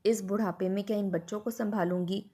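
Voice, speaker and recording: A scheming elderly mother-in-law barks orders at her daughter-in-law, as a woman narrator puts her on. Her scolding is blunt and bossy, the voice mellow rather than bright. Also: medium pitch, steady tone, slightly rough, lightly acted.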